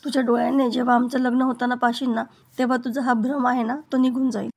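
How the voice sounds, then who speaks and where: A woman's voice: a little high, flat delivery, fast, a little mellow. A woman reading the lines of a boastful young rival woman, mocking and taunting.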